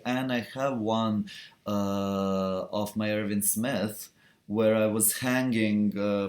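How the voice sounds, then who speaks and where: A young man answers viewer questions on a live stream in a loose, rambling way. His voice sits low and he talks at an unhurried pace. Fillers, restarts and laughter break up his sentences throughout. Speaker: cosplayer hosting a live stream Q&A. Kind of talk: casual live-stream chat.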